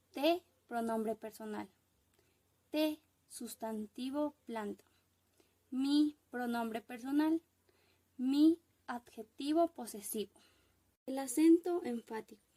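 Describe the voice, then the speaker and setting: Young woman student, high mellow voice, unhurried careful reading of a class talk. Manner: careful, measured reading of definitions and word lists. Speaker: university student presenter. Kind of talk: read-aloud class presentation.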